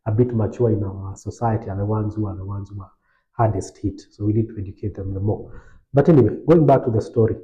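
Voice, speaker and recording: A podcast host tells a personal story in a casual, anecdotal way, laughing lightly and now and then slipping in Swahili phrases. His voice is lowish, and the lo-fi recording has an echoey room sound.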